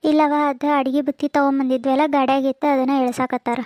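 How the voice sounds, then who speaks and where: A woman's voice: high voice, level tone, fast talker, darkish tone, dry recording, studio quality. A woman with a North Karnataka accent voicing chatty, homely village family talk for a cartoon comedy. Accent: North Karnataka Kannada. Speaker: cartoon voice artist.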